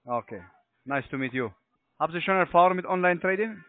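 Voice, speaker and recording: A man's voice: high-pitched, lively intonation, fast talker, dry recording. Pushy man in broken German, phone line. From United States. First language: not German. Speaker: cold caller selling online trading.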